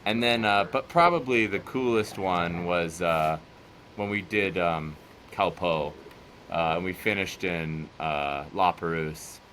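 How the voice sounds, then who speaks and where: A man telling casual stories in a relaxed chat, animated and laughing as he goes. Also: deep voice, slow pace, slight background noise. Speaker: podcast guest.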